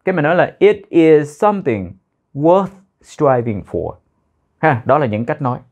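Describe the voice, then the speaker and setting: A man's voice: on the high side, big pitch swings, moderate pace, a little mellow. A male teacher explaining and repeating English phrases one by one, drilling their pronunciation and meaning.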